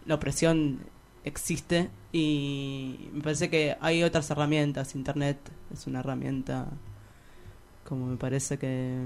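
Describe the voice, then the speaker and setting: Deep and creaky, down in the bass range, this young woman from Argentina talks with a Rioplatense accent as a poet guest in a casual interview. She meanders, hesitates, giggles and leans on slang.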